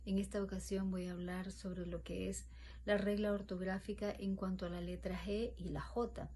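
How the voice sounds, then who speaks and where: A woman's voice: mid-range voice, level tone, normal speed, mellow, a little hiss or hum. A woman giving a class presentation on spelling rules, explaining with fillers and restarts. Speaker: student presenter.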